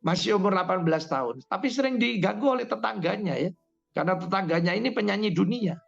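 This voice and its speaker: A man's voice: high-pitched, animated, fast talker, vocal fry, soft background music. A male pastor preaching a sermon, telling stories and speaking directly to his congregation. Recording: dull lo-fi sermon recording.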